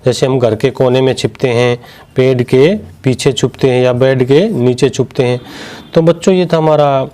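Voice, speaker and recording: A man teaching a children's language lesson, drawing out words slowly in drills and asking questions that he answers himself. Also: mid-range voice, fairly even intonation, dark tone.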